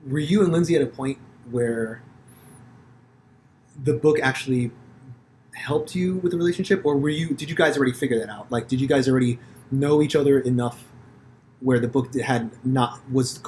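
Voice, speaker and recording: A man from the United States hosting a podcast, telling stories in a rambling, profane, animated way with many restarts. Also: mid-range voice, a little hiss or hum. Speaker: podcast host. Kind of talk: casual conversation.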